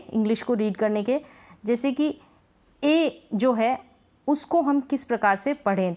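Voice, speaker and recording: A woman's voice: fairly high pitch, darkish tone. A woman teaching beginners to read English, patiently repeating each point and asking herself rhetorical questions. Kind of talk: explaining phonics lesson in Hindi.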